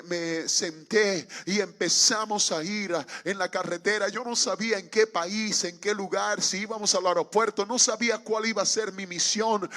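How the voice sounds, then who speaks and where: A male pastor preaching a sermon, telling a story dramatically and then praying in a hushed voice. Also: sits high. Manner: dramatic, swinging from loud excitement to hushed prayer.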